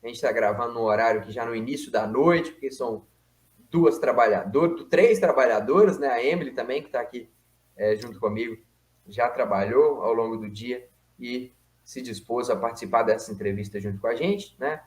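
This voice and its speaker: A man with a mid-range voice hosts an interview at a moderate pace, keeping things friendly and conversational. He keeps tacking on tag questions, especially "né." The room he's recorded in is echoey.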